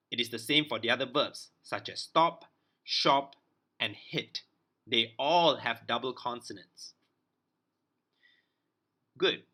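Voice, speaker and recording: A man teaching an English grammar lesson, spelling out letters and repeating example words slowly for his learners. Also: medium pitch, bright, forceful tone. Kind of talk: slow explanatory grammar lesson.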